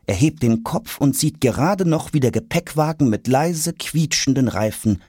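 A man narrating a children's audiobook in a lively, expressive way. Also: medium pitch, normal speed, slightly rough, dry recording, studio quality.

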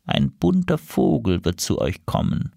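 Man doing a hushed old crow seer woman. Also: medium pitch, sing-song, creaky, no echo, studio quality, voice pushed up, exaggerated voice. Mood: ominous. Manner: slow, hushed, ominous whispering.

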